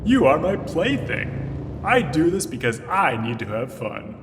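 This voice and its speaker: A man's voice: a little high, big pitch swings, measured pace, background noise. A man playing an unearthly, disembodied, brooding creator entity in a comedy sketch, musing philosophically. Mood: brooding, existential. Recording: long hall reverb, music behind.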